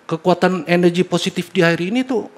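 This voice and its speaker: Animated middle-aged man telling stories. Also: fairly quick. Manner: animated, acts out dialogue with a lively, swinging pitch. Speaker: guest giving product testimony. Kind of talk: casual interview storytelling.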